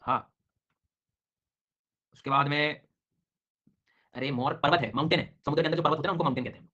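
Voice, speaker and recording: A man runs an online geography class, talking very fast and calling on students by name. His comes through as he explains and questions them. The recording is dull and lo-fi. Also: a little high, pushed and bright. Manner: brisk, quizzing students by name. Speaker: teacher.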